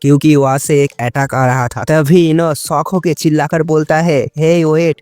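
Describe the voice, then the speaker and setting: A man's voice: on the high side, level tone, normal speed, darkish tone, dry recording, studio quality. A man narrating a comic-book recap in a casual, chatty way, dropping slangy asides to the listener.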